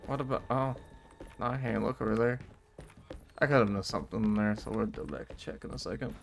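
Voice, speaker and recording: Guy chatting through his gameplay, fry in the voice, bit of background noise. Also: on the low side, fairly quick. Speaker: gamer playing on camera or stream. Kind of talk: casual gameplay commentary.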